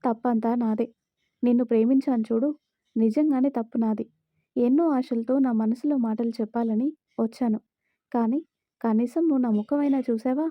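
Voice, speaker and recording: A woman's voice: fairly high pitch, fairly even intonation, moderate pace, pauses often, no echo, lightly acted. A woman voicing a tearful young wife who pleads and complains of being wronged, in a dry, slightly dull audio story recording. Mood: pleading. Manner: pleading, aggrieved.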